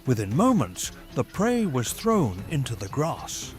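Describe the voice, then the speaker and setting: A man reads scripted nature documentary narration in a measured, formal storytelling manner. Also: medium pitch, wildly swooping pitch. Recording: music behind the voice. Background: background music.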